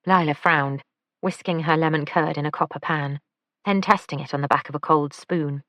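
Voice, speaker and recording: A woman narrating an audiobook in an even, measured way on a close studio mic. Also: low voice, no echo. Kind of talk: scripted narration.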